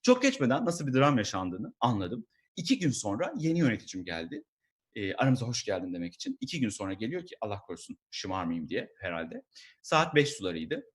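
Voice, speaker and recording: A young man performing a stand-up comedy monologue, telling an office story with animated delivery and mock voices. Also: a little fast. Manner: animated storytelling, mimics his boss in a high voice.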